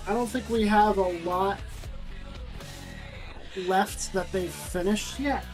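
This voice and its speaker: A woman with a mid-range voice chats slowly and casually while streaming game cutscenes, with music playing behind her.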